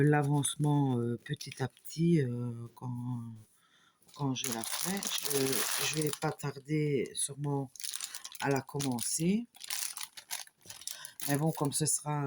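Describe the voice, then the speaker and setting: A woman shows off a new craft kit in a casual vlog, speaking slowly and hesitantly with many pauses and restarts. She is recording away from home on a camera on a small tripod. A faint noise sits behind her voice. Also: very deep voice, dark tone. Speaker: hobby channel host.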